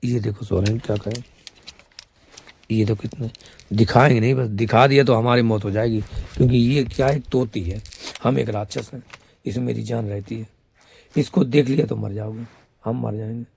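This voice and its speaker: A man's voice: mid-range voice, fairly even intonation, normal speed, gravelly, pauses often, darkish tone, a little hiss or hum. A man giving a rambling devotional talk as a spiritual guide, scolding and mocking his listeners between teachings, and speaking of himself as a female companion of the goddess. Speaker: devotional guru.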